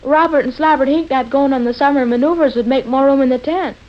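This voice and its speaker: An American-accented performer plays an earnest, literal-minded boy in a 1940s radio comedy, objecting matter-of-factly as he needles his father. The voice is high-pitched and quick, close to an everyday voice. The old radio recording sounds muffled.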